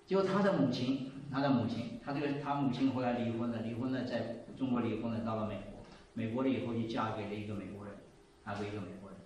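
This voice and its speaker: A man in his seventies giving a sermon and telling a story, moving between loud exclaiming and quiet asides. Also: mid-range voice, fairly even intonation, quick pace, recorded from a distance, slight background noise. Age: 70s. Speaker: preacher. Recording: echoey room, voice from off the mic.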